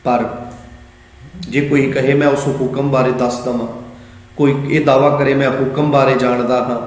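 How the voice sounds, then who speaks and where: A man teaching scripture meanings and pronunciation, patient and repetitive, chanting verse lines slowly. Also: mid-range voice, little pitch movement. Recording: very echoey hall.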